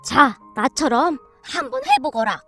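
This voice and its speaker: A woman voicing a stern, bossy old grandmother who drawls commands in a rough tongue, read as a storybook. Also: high voice, huge pitch swings, a little slow, fairly bright tone, soft background music, heavily acted. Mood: stern coaching.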